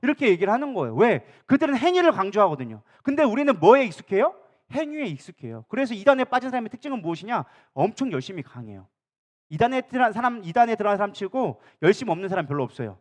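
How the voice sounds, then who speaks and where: A man's voice: high voice, very animated, fast talker. A male pastor preaching a sermon in a church, often asking the congregation questions and answering them himself. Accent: Korean, Daejeon area. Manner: acts out quoted speakers in a changed voice. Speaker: co-senior pastor. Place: church sanctuary.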